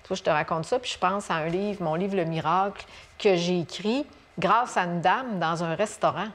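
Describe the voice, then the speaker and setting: A woman speaking with a Québécois accent tells personal stories as a talk show guest. She rambles warmly through fillers and false starts, eager and animated. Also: lowish voice, normal speed. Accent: Québécois French. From Quebec. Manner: animated storyteller, many fillers and restarts. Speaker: guest author. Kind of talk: casual conversation on a talk show.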